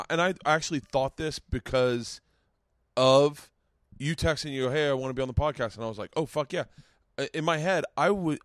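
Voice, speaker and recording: A man's voice: a little high, no echo, studio quality. A man hosting a casual podcast, talking candidly and rambling in a self-deprecating way. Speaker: podcast host and comedian. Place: home studio man cave.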